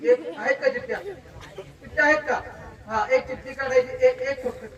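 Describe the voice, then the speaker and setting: A man's voice: extremely high pitch, lively intonation, moderate pace, a bit bright. Marathi-accented male magician, commanding patter, heard from afar over a crowd. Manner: commanding, counts and barks drill orders. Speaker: stage magician. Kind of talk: live stage patter with children. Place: outdoor birthday event. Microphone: handheld stage mic. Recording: echoey crowd, far from mic.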